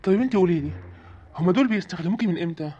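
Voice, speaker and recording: A man's voice: sits high, lively intonation, rapid-fire, lo-fi sound, heavy background noise. A man voicing a cowardly, panicky sheikh in a comic cartoon, with an Egyptian accent and a pleading, jittery way of talking. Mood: nervous. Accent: Egyptian Arabic. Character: cowardly middle-aged male sheikh, panicky. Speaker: sheikh called to drive out spirits.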